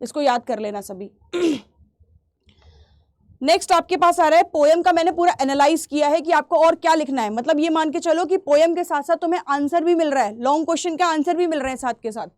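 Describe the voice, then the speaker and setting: A woman teacher runs an exam revision lesson in a fairly high voice. She reads English lines slowly, then explains them and repeats the key points for her students. The sound is dry and close, with no room echo. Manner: clears throat now and then.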